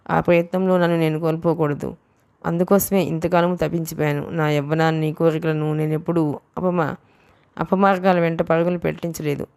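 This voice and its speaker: A woman reading the lines of an earnest young man in love, in a soft, confiding way, for an audiobook. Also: deep voice, vocal fry, clean tone.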